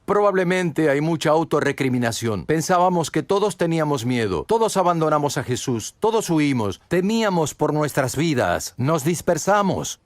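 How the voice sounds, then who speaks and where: A man's voice: on the high side, big pitch swings, moderate pace, few pauses, dry recording, studio quality. A man preaching a sermon, earnest and direct, asking many rhetorical questions and speaking straight to the listener. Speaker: pastor.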